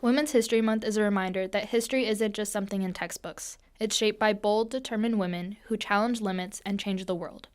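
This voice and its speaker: A young woman reading a prepared statement with steady, composed delivery. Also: mid-range voice, a little fast, hardly any pauses.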